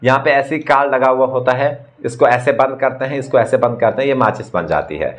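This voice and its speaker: A man who is a magician, briskly showing and explaining magic props one after another in a casual demo. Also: medium pitch. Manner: brisk, talking props through each trick. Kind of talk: casual product demonstration.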